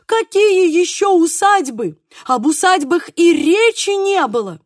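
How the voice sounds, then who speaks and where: Touchy solemn guy reading a will, swings high and low, a woman reading him. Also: animated, a little slow, dry recording, studio quality. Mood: offended. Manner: solemn reading, bursts of indignant shouting. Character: man, excitable archivist, solemn and touchy.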